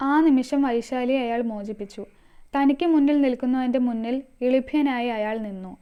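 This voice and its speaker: Clear-voiced woman narrating a story. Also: a little high, muffled recording. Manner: reads all characters herself, mostly in her own voice.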